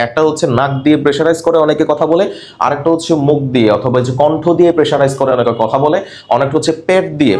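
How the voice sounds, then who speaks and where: A male coaching instructor teaching a room of students at a quick, driving pace. He is emphatic, switches into English words now and then, and keeps correcting how words should be said. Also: mid-range voice, a little mellow. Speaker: cabin crew coaching instructor. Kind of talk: classroom teaching. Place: classroom with students.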